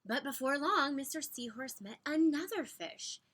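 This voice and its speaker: A woman reading a children's picture book aloud in an expressive, emphatic way, drawing out some words. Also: high-pitched. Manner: animated, emphatic, with drawn-out words. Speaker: storybook reader.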